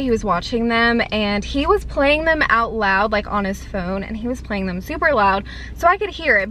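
Sitting in her car with the camera on the dashboard, a young food vlogger from North Carolina rambles casually in a light Southern accent, leaning heavily on fillers like "like." Her fairly high voice has a sharp tone, and there's a little hiss or hum.

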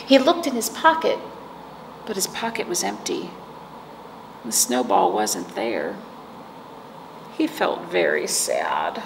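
Reading aloud to children and chatting with them through simple questions, a middle-aged librarian runs storytime from her seat against a patterned wall in an indoor library room. Her bass voice swings widely in pitch, moving slowly with long pauses. The recording carries echo and clear background noise.

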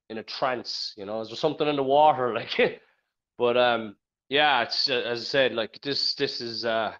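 Exasperated ranting man, muffled audio. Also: mid-range voice.

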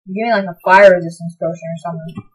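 A young woman giving casual, excitable commentary on her own gameplay, sometimes breaking into high, delighted shouts. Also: quick pace, husky, rough recording. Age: young adult. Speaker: gaming channel host.

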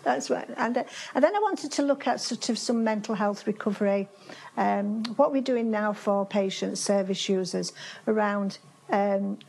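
In a seminar room with a projector screen, an older Yorkshire woman delivers a conference talk in a chatty way, full of fillers and frequent restarts. She speaks at a moderate pace in a medium-pitched voice with vocal fry, a slightly mellow quality and a breathy edge. The audio is poor.

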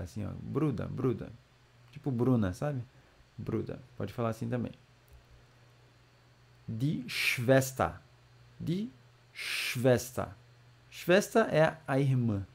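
Male teacher, unhurried, gravelly voice, casual classroom delivery. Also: mid-range voice, darkish tone. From Brazil. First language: Portuguese. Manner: slow, drawn-out model pronunciation with chatty asides. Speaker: German teacher. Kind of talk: casual language lesson.

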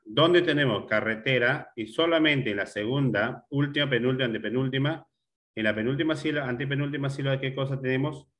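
A male teacher with a mid-range, slightly bright voice gives a classroom grammar lesson, explaining step by step, repeating words, and frequently checking understanding with a quick question.

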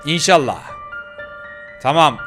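A man acts out a determined young girl on a hunt for her father, in a game role-play. She talks in a high, sharp voice, bossy and scolding. Faint music plays behind her. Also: animated, slow pace. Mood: tense.

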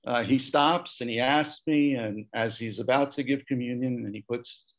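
A man's voice: mid-range voice, normal speed. A man on a discussion panel telling a personal story in a reflective way, shifting his voice when he quotes other people. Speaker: panel guest sharing memories. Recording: muffled lo-fi audio.

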